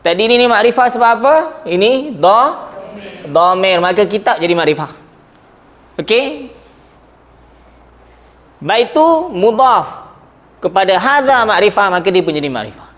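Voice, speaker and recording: A man with a high voice lectures a grammar class in a lively way. He keeps stopping to check that his students follow. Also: normal speed. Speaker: Arabic grammar teacher.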